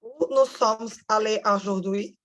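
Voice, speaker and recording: Slow, hesitant woman student. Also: mid-range voice. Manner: hesitant, slow, unsure attempts.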